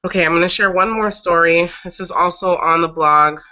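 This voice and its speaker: A woman hosting an online breastfeeding advocacy show recounts stories in a casual live webcast chat over a video call. Still getting over a cold, she has a lowish, bright but slightly raspy voice and a halting delivery, often pausing mid-sentence to regroup, all through dull lo-fi call audio.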